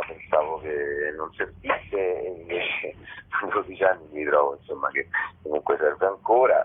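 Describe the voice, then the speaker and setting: Over a tinny, narrow telephone line, a man with a very deep, husky voice gives informal answers in a radio interview. A theatre author and actor, he explains things haltingly, often pausing mid-sentence.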